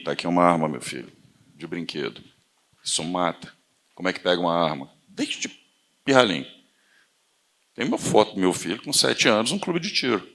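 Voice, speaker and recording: A man's voice: sits low, gravelly, a bit bright. A man with a Brazilian Portuguese accent telling stories in a casual talk at a live event, acting out the voices of people he quotes. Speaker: event speaker.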